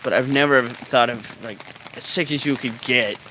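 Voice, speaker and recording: A man's voice: medium pitch, moderate pace, bright, forceful tone, low-quality recording. Laid-back stoned man rambling outdoors in rain. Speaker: vlogger. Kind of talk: casual rambling chat to camera. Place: outdoors in rainy, cold weather. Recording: faint rain noise outdoors. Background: light rain.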